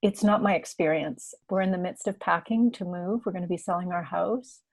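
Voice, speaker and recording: A woman with a slightly husky, breathy voice talks casually over a video call. She sounds relaxed and upbeat and speaks frankly. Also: on the low side, brisk. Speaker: co-host of essential oils show.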